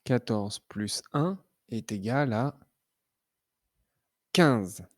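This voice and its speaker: A man teaching children to read, sounding out syllables slowly and clearly. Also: mid-range voice, lively intonation, no echo, clean studio sound. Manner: slow, clearly articulated syllables. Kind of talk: reading lesson for children.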